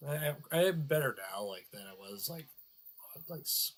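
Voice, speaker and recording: A man's voice: a little high, expressive, normal speed. A man giving crude, sarcastic reaction commentary on a video, stuffed up and nasal from a cold. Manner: crude, sarcastic, swears often, muttering asides.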